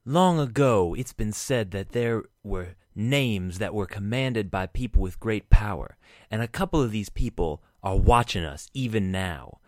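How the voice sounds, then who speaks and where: A man playing a solemn lore keeper, telling a mock-spooky campfire legend in a slow, dramatic, ominous way. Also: lowish voice, animated, dry recording, clean studio sound. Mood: ominous, mysterious.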